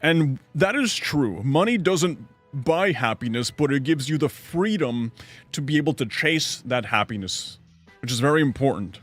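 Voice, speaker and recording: This young man's medium-pitched voice has lively intonation and a normal speed as he streams from home. He rambles and chats, reading messages from chat aloud and answering them, while faint music plays in the background.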